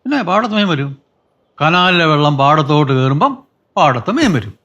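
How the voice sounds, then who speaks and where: A man's voice: on the high side, sing-song, brisk, bright, forceful tone, lo-fi sound. An actor playing an old grandfather in a family sitcom, a patient storyteller who teases the children and turns firm when he scolds his wife. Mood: storytelling. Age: older. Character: genial old grandfather, teasing and steady. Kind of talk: sitcom acting.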